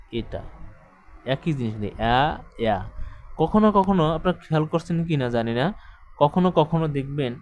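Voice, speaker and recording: A man's voice: mid-range voice, a little mellow. Man teaching a grammar lesson. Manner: explains step by step, repeats points, asks the class questions. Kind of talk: exam-prep grammar lecture.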